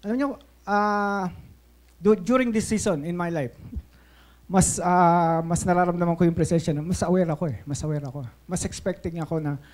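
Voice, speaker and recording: A man's voice: sits high, normal speed. A Filipino man preaching a sermon as pastor, mixing English into his talk, often checking in with "Okay?" and acting out little scenes. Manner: switches between Tagalog and English, asks "Okay?" often; lively, acts out voices in stories.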